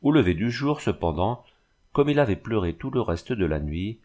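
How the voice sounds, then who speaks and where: Male audiobook narrator, low voice, measured dramatic storytelling. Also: very animated, darkish tone. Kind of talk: audiobook reading of a tale.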